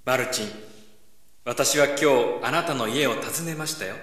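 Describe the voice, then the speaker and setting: A man plays a gentle, kind divine voice in a radio drama. It sounds bright and clear, wrapped in a long, roomy reverb. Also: mid-range voice, moderate pace, lightly acted. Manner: gentle, reassuring.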